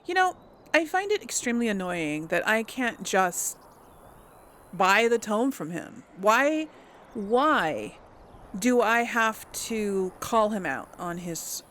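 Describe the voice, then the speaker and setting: A woman hosts a casual let's play, thinking aloud in an exasperated way as she comments on a video game. Her voice is medium-pitched and a bit bright, with slight background noise.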